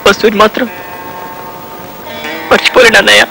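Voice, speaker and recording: A man's voice: high voice, fairly even intonation, brisk, creaky. An actor playing a lovesick younger brother who tearfully laments that he cannot forget a girl, with film music underneath. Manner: mournful, self-pitying lament.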